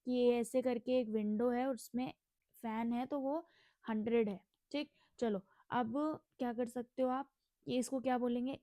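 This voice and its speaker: With a slightly high voice and a dark tone, a young Indian woman teaches language informally, recorded without echo. Each word gets slow repetition, and she asks and answers her own questions.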